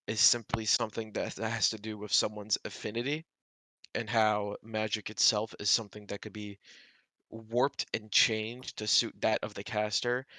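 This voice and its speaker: Bright-voiced male game master, rambling. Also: lowish voice, no echo. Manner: rambling, filler-heavy explanations. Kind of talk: narrating a tabletop game.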